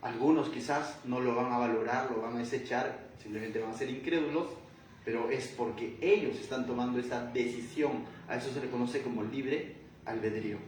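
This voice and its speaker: A man teaching the Bible verse by verse as a pastor, animated and full of rhetorical questions, stretching out key phrases. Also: mid-range voice, normal speed, slight background noise. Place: church hall. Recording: echoey room, voice from a distance.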